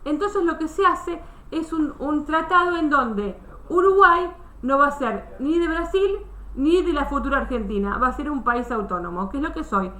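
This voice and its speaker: Woman history teacher, high voice, step-by-step online class, roomy call audio. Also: expressive, moderate pace, sharp tone. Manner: explains step by step, many restarts, checks understanding.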